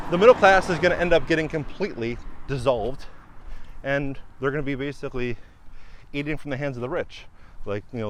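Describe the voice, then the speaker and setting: A man giving emphatic, animated casual commentary as a vlog host, repeating his points for stress. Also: medium pitch, a little hiss or hum. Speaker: real estate investor and channel host.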